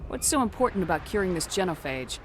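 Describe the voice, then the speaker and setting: A woman's voice: fairly low pitch, very animated, fast, slight background noise. A woman playing a firm, level-headed human military commander in a video game, direct and authoritative. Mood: serious, steady. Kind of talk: dramatic video game acting.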